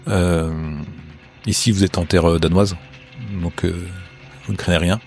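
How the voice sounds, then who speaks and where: A man running a tabletop role-playing game, narrating in a halting, improvised way. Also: low-pitched, steady tone, darkish tone, faint music behind. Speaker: game master.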